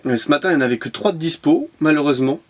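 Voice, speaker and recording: A man with a fairly high voice talks casually and eagerly to his viewers. He rambles with fillers and repeats his favourite words. The sound is a plain camera mic in a room at home. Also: rapid-fire. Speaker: toy car collector vlogger. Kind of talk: casual unboxing commentary.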